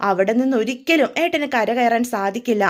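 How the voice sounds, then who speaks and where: A woman's voice: a little high, expressive, a little fast, lightly acted. A woman voicing a grief-stricken young man who keeps refusing to tell his family what hurts him, in a tearful, broken way. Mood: anguished. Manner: tearful, pleading, broken delivery.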